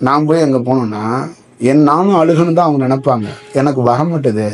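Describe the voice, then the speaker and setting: A man's voice: mid-range voice, animated, fairly quick, a little mellow, soft background music. A man giving a rambling spiritual discourse as a teacher, often asking his listeners rhetorical questions.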